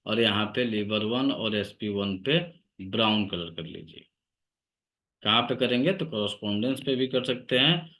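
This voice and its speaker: Male acupressure teacher, low voice, measured dictation for students taking notes. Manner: dictates point names slowly, steady instructive tone. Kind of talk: online class lecture.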